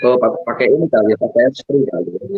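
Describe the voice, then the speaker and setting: A man's voice: medium pitch, fast, slightly rough, no room sound. Man on a choppy, breaking-up call line. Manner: animated storyteller, chuckles often. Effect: choppy, breaking-up call audio. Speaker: guest. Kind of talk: telling a personal story on a call. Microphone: remote call, phone or laptop. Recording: tinny phone-like call line.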